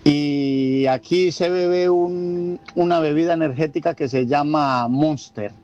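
A Colombian man with a Colombian Spanish accent calls in to a radio show and chats casually. His voice is fairly high-pitched, slow and somewhat dark in tone, over a dull lo-fi line with some background noise.

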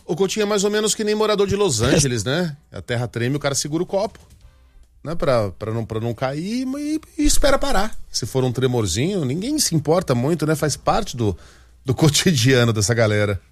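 A man's voice: fairly high pitch, big pitch swings, brisk, no room sound, faint music behind. A male news anchor chatting in a jokey, playful way. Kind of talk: casual studio banter.

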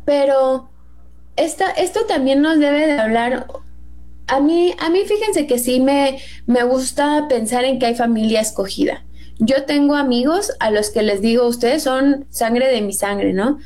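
A woman's voice: high voice, measured pace, a little mellow. A Mexican woman with a Mexican Spanish accent in a casual Bible discussion, chatty and acting out quotes in a raised voice.

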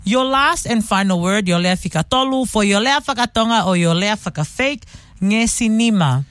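A woman hosting a radio quiz with playful, teasing banter, giggly and pausing deliberately as she announces words. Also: mid-range voice, expressive, a little hiss or hum. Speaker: radio host running a word quiz. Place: radio studio.

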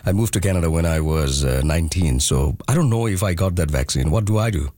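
A man from Bangladesh hosting a radio show, asking brief, calm questions and reading news links. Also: deep voice, fast, dry recording, studio quality. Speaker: radio host.

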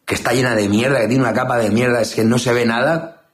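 A man in a comedic chat, rambling through mock-outraged rants and deadpan answers. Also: medium pitch, fast talker. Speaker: comedic guest. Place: newsroom studio.

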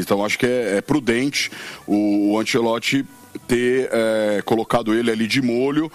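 Male football commentator thinking aloud. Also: mid-range voice. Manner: thinking aloud, frequent restarts. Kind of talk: radio match analysis.

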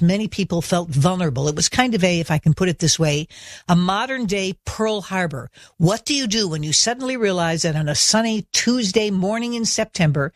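A man with a high voice speaks in a measured, preacherly way. The sound is dry and close, like a studio. It is an earnest radio address about faith. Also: dry recording. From Washington DC area.

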